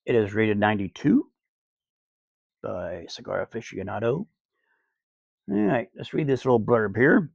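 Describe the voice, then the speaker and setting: A man's voice: lowish voice, expressive, unhurried, gravelly, long pauses, dry recording, highs cut off. A man hosting a casual cigar review vlog outdoors, rambling in a laid-back way with fillers and crude jokes. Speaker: cigar reviewer, channel host. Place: outdoors on a sunny day.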